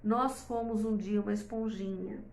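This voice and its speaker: Speaking to camera about parenting, a middle-aged mother rambles casually, using lots of fillers and tag questions and frequently raising her voice high for emphasis. Her tone is darkish with vocal fry and fairly even intonation, at normal speed, in a reverberant space.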